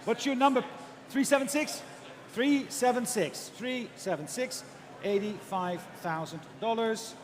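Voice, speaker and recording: Male auctioneer, high voice, chanting numbers and courteous bid prompts at speed; long room reverb. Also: crowd noise. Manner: rapid, repetitive chanting of figures with polite prompts to bidders. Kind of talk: live auctioneer's bid calling.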